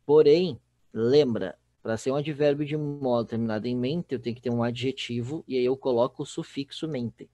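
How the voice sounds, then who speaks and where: A man's voice: mid-range voice, normal speed, warm tone, no room sound. A man with a Brazilian Portuguese accent teaching a recorded online class, explaining step by step and often checking in with the students. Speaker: Spanish teacher.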